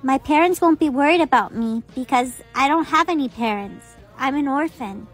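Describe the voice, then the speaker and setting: A woman with a very high voice acting a lonely orphan girl, soft and earnest in tone. Faint background music sits beneath her lines. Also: normal speed. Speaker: orphan girl in a storytime skit. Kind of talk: acted skit dialogue.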